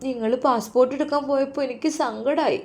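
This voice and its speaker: A woman's voice: high voice, steady tone, fast talker, creaky, a little mellow, voice pushed up. A young girl with a Malappuram accent, voiced by a woman, tearful and pleading as she talks in a storybook tale. Her voice sits well above an adult's. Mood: sad. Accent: Malappuram Malayalam. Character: young girl missing her absent mother.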